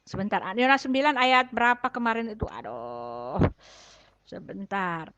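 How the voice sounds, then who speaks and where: A woman's voice: medium pitch, normal speed, fairly bright tone, smooth, highs cut off. A woman serving as a church elder, chatting through scripture and thinking aloud while she hunts for Bible verses. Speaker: church elder giving testimony. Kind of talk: casual scripture explanation.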